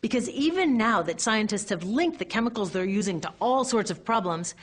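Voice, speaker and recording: An American woman presents a scripted explainer with a medium-pitched voice, expressive and brisk. Her narration is wry and conversational, regularly punctuated by rhetorical questions.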